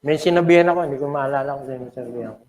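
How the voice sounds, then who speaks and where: A man's voice: mid-range voice, very fast, darkish tone. An older man with a Filipino accent, a pastor preaching an emotional, dramatic sermon in a church. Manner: emotional, dramatic preaching mixing English and Tagalog. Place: church sanctuary. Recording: echoey church hall.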